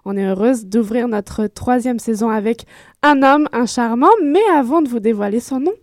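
A woman with a high, bright voice hosts a radio talk show. She introduces guests and topics with cheerful energy. The recording is dry and close. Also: moderate pace, no echo.

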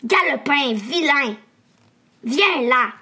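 A woman's voice: high voice, lively intonation, takes it slowly, noisy background. A woman voicing an eager young girl in a storybook reading, with childlike exclamations.

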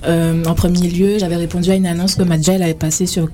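Young singer lady, lowish mellow voice, lots of ben and euh, faint music behind. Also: quick pace, slight background noise. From Guadeloupe. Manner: relaxed, rambling with many fillers. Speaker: singer guest. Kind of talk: radio interview.

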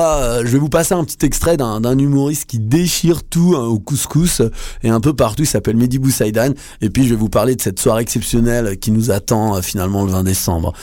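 A man's voice: medium pitch, warm tone, no room sound, studio quality. A man co-hosting a radio show, joking and slangy, hesitating with many fillers. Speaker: radio co-host. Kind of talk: casual radio chat.

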